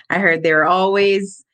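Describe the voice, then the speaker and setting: A woman's voice: mid-range voice, fairly bright tone, no echo. A woman from Jamaica, a registered nurse, speaking easily as a guest in a casual interview.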